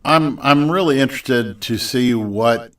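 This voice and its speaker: A man's voice: medium pitch, unhurried, fairly bright tone, distant mic. A man co-hosting a casual podcast, talking politics in a rambling, hesitant way full of restarts. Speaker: podcast co-host.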